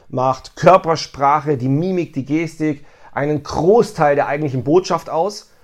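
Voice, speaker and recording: A man giving a telephone sales training talk, explaining step by step and acting out sample greetings with emphasis. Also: a little high.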